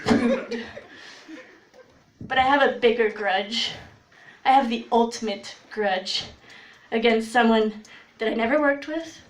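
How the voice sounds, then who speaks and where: A woman's voice: a little high, takes it slowly, long pauses. A young woman telling funny stories on a stage, laughing as she goes and acting out what people said. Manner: animated, laughs while telling, acts out quotes. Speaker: storyteller. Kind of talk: live comedic storytelling. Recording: roomy echo, voice from far off.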